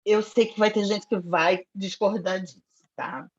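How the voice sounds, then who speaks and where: Husky-voiced Brazilian woman, animated storyteller. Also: mid-range voice, a little slow, highs cut off. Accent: Brazilian Portuguese. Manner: animated storyteller, self-described foul-mouthed. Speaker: podcast guest. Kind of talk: casual interview conversation.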